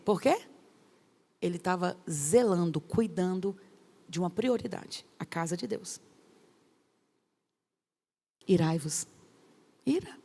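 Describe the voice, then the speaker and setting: Gravelly-voiced woman pastor. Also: on the low side, measured pace, warm tone. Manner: emphatic, acts out quotes, rhetorical questions. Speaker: pastor teaching a course. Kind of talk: lively teaching talk.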